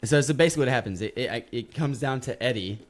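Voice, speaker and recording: A man's voice: mid-range voice, lively intonation, quick pace. A man co-hosting a casual podcast, chiming in with short, laid-back remarks about a book. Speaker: podcast co-host.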